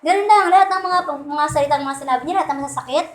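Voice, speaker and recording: High-voiced woman preaching in an echoey hall. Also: rapid-fire. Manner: conversational, asks "di ba?" often, acts out quotes with humor. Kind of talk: Sunday sermon. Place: church hall.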